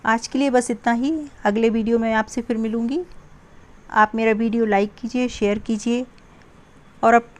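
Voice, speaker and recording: A woman's voice: a little high, level tone, moderate pace, a little mellow. A young woman teaching a grammar lesson, spelling out examples word by word and drawing out the exclamations. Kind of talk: slow, deliberate grammar lesson.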